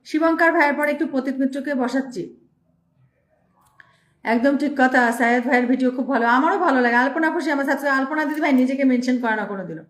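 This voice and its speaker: High-voiced woman thanking live viewers. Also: fast, echoey room. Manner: rattles off viewer names and thanks. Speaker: live-stream host. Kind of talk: live-stream chat reading out comments.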